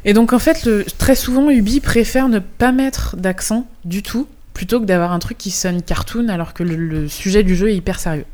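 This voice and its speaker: A woman's voice: medium pitch, moderate pace, hardly any pauses, a little mellow. A woman, a game localization manager, talking as a podcast guest with explanatory chat full of restarts and hesitations. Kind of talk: casual podcast discussion.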